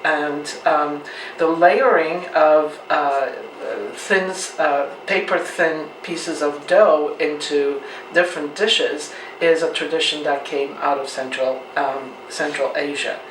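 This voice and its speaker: A woman's voice: sits low, steady tone, slow. Woman teaching cooking in a roomy kitchen. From Turkey. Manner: patient, explanatory, homely. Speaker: home cook. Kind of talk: cooking demonstration. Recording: roomy, distant mic, faint noise.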